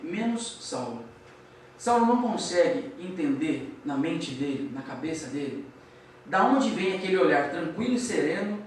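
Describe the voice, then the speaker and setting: A man giving a storytelling lecture to an audience, acting out dialogue and asking the audience questions. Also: high voice. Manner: animated, acts out dialogue, asks the audience questions. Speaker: speaker at a Spiritist public lecture. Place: large hall with audience. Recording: distant mic, very echoey hall, faint hiss.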